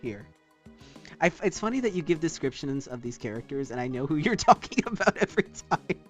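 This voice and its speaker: A man talking casually and with some swearing as a streamer who draws live, rambling in an animated way. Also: fairly high pitch, fairly quick, faint music behind. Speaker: streamer drawing art live. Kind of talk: casual livestream chat while drawing.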